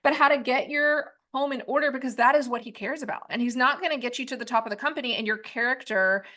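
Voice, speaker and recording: A woman's voice: high-pitched, fast, sharp tone. A woman co-hosting a faith-based business podcast, speaking in an earnest, reflective way to her listeners. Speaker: podcast co-host.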